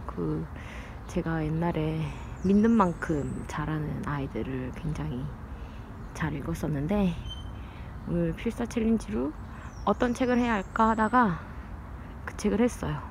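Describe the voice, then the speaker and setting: Woman chatting to her phone outside, kinda low voice, stops to think a lot, noisy traffic ambience. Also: moderate pace. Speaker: vlogger. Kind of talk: casual chat to viewers. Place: outdoors under trees.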